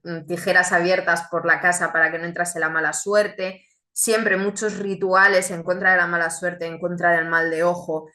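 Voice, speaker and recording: A woman gives a faith testimony in an earnest, reflective way and often poses rhetorical questions. Her voice is bright and forceful. The room around her sounds echoey. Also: lowish voice. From Chile, raised in Spain. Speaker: speaker giving a faith testimony. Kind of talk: testimony talk.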